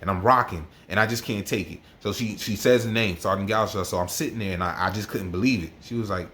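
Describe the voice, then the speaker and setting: Emotional man recounting his story, slightly low voice. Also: quick pace, sharp tone, a little hiss or hum. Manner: emotional, worked up, repeats himself. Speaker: army NCO vlogger. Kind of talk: personal storytelling.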